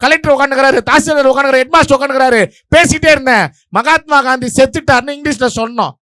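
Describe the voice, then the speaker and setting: High-voiced man giving a rapid stage verdict. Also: fairly even intonation, sharp tone, dry recording, clean studio sound. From Vellore district, Tamil Nadu, India. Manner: rapid, story-driven, playful. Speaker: debate judge giving the verdict. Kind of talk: humorous stage speech to a live audience.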